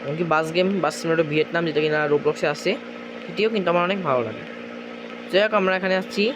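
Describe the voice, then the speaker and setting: A hoarse man with a Bangladeshi Bengali accent, rambling through casual gameplay commentary as a gaming YouTuber. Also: a little high, fast, noisy background. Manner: rambling, chatty, keeps circling back with the same filler. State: hoarse from a cough.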